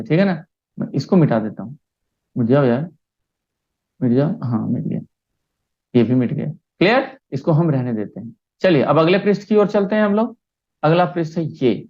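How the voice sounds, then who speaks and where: A man's voice: a little high, lo-fi sound. A man teaching a primary school class online, speaking patiently and often checking that the children understand. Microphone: video call.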